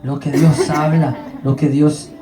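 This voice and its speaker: A man's voice: on the high side, level tone, slow, far from the mic, a crowd in the background. A man, a pastor preaching a sermon and acting out the people in his stories. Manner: storytelling, acting out quoted voices. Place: church. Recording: roomy church with faint guitar.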